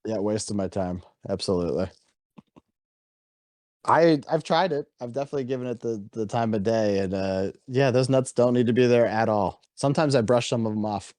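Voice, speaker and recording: Low-voiced guy hosting a podcast, teasing and blunt, swears a bit, super dry sound. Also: moderate pace, a little mellow, no room sound. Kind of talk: casual chat.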